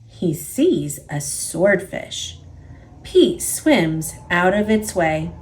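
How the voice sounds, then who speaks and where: A woman reading a children's picture book aloud in an expressive, deliberate storytelling way for young listeners. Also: lowish voice, low-quality recording. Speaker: storybook reader. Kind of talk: children's read-aloud narration.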